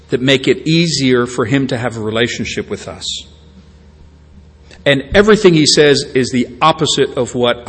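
Pastor preaching in a reverberant hall. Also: male voice, medium pitch, fairly bright tone, husky. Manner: conversational, stammering restarts, self-deprecating. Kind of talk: sermon.

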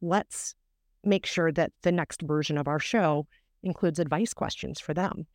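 A woman's voice: low voice, a little slow, no room sound, studio quality. A woman podcast guest explaining things in an emphatic, encouraging way, repeating words for emphasis. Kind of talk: explanatory interview talk.

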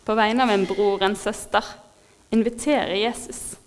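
A woman preaching a sermon in a heartfelt, moved way, pausing with fillers as she speaks. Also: mid-range voice, steady tone, slight background noise. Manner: heartfelt, moved, laughs softly, pauses with fillers.

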